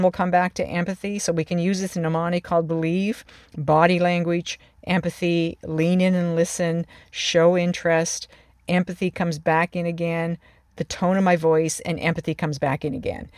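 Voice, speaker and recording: Calm, measured teaching clinician. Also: medium pitch, dry recording, studio quality. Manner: calm, measured, with frequent restarts and repeated words. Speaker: emergency department clinician teaching staff. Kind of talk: instructional talk on calming angry patients.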